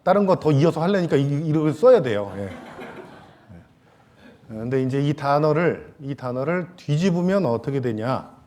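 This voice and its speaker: A male pastor giving a Sunday sermon in a church, talking casually and joking with the congregation, with many soft fillers and trailing pauses. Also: on the high side, animated, slight background noise. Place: church sanctuary.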